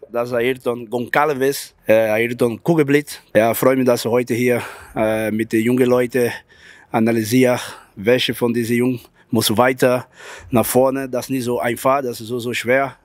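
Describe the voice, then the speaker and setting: A man speaking haltingly at a jury table, searching for words and bending the grammar. His voice sits in the middle range and sounds dry and close on the mic. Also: medium pitch, dry recording. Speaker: jury member, former footballer. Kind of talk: casual panel talk. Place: large indoor football hall. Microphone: handheld mic.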